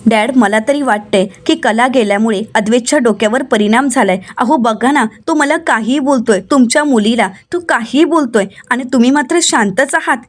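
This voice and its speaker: A scheming middle-aged aunt who pleads in a whiny, raised voice, put on lightly by a woman narrator. Her tone is a touch high. She sounds manipulative and self-pitying. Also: a little fast, hardly any pauses, close to an everyday voice. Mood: pleading.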